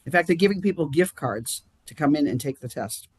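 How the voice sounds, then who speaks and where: Halting man with a Boston accent. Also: fairly high pitch, animated, breathy edge, no room sound. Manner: rambling, halting, many fillers and restarts. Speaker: guest. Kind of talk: live-stream interview.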